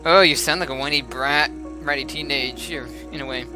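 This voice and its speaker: A man's voice: on the high side, steady tone, normal speed, over music, rough recording. A young man commentating as he plays a story game, chatty and musing aloud with frequent laughs. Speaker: let's play gamer.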